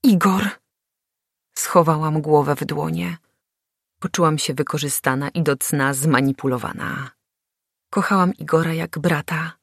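A woman's voice: low-pitched, fairly even intonation, normal speed, creaky, no echo, clean studio sound. A woman narrating a first-person audiobook in a tense, dramatic storytelling manner.

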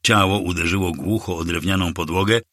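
A man narrating a crime novel aloud with measured, steady reading. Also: low voice, dry recording, studio quality. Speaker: audiobook narrator.

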